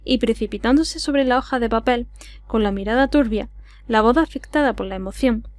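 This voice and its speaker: A woman's voice: fairly high pitch, brisk, darkish tone, no room sound. A woman with an Andalusian accent reading a classic adventure novel aloud as scripted narration. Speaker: audiobook reader.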